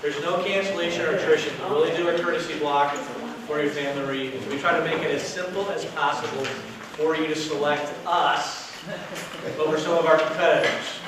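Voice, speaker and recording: A hotel sales director gives a loud, casual workshop talk to a live audience in a meeting room, speaking briskly in a steady, rather high voice. He is chatty and uses fillers, and without a microphone he is picked up by a distant camera, so the sound is very echoey and noisy.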